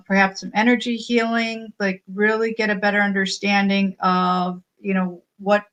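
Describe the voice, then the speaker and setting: An American woman speaking earnestly and reflectively, with emotion, in an informal spiritual message to her followers, often pausing and repeating phrases. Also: mid-range voice, a bit bright, rough recording. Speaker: spiritual healer and coach.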